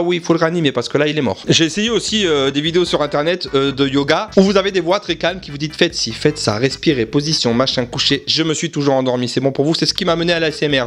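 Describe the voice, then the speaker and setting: High-voiced man doing a comic rant. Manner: animated, self-mocking storytelling with sudden angry outbursts. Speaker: comedian. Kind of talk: comic monologue sketch for video.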